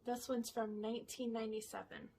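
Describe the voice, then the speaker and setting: A woman's voice: a little high, flat delivery, a little fast, background noise. A woman at home chatting her way through a shopping haul, rambling with fillers, a little out of breath. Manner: reads the blurbs on the backs of DVD cases aloud. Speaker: vlogger showing a shopping haul. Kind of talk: casual chat. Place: indoors at home, sitting in one spot.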